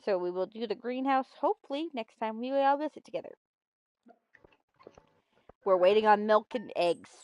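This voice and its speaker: A woman's voice: on the high side, animated, moderate pace, long pauses, darkish tone, highs cut off. A middle-aged woman hosting a game stream, chatting casually and telling stories with playful emphasis. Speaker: gaming host.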